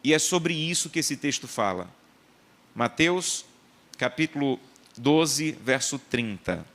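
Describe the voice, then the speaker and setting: A man preaching a sermon with a slightly raised voice, leaning into key phrases and repeating them for emphasis. He moves between personal anecdotes and scripture explanation in a steady pulpit style. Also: a little high, slow. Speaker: pastor.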